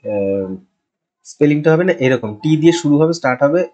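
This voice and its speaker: A man's voice: fairly high pitch, lively intonation, moderate pace, darkish tone, rough recording. A man teaching a casual exam-prep quiz lesson, talking conversationally and repeating answers with frequent check-ins. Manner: conversational, repeats answers, tags "ঠিক আছে?" often.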